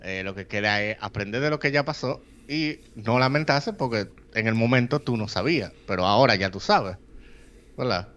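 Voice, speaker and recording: A man's voice: on the low side, lively intonation, normal speed, fairly bright tone. A man, co-hosting a podcast, explaining at length and mixing in English phrases. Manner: rambling explanations with English phrases and many "eh" fillers. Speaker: podcast co-host. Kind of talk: casual chat.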